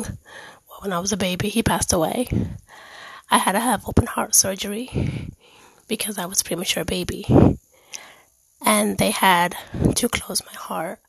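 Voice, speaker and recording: A woman's voice: medium pitch, creaky, slightly rough, no room sound, rough recording. A woman hosting her own podcast, talking candidly and earnestly about her life in a heartfelt monologue. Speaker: podcast host.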